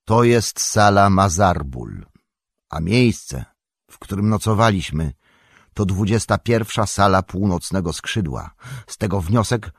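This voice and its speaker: A man's voice: low voice, husky, no room sound, clean studio sound, heavily acted. Man voicing a grave old wizard. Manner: solemn, urgent commands. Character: old male wizard, grave commanding leader. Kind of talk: audiobook character reading.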